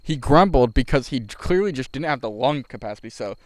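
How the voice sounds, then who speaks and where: A man's voice: mid-range voice, lively intonation, fairly quick, no room sound. A young man co-hosting a podcast, casually rambling through a story and laughing as he goes. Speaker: podcast co-host. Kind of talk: casual chat.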